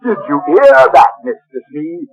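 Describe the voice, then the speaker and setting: An actor playing a villainous pirate captain in a radio drama, pompous and mock-courteous, gloating theatrically. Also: male voice, fairly high pitch, expressive, moderate pace, music in the background, natural voice, rough recording. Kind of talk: 1930s-style radio drama acting.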